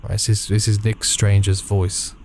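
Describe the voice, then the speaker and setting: A man's voice: on the low side, little pitch movement, normal speed, darkish tone, slight background noise. A man playing a visual novel, reading its narration aloud and reacting with swearing and jokes. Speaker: gaming video host.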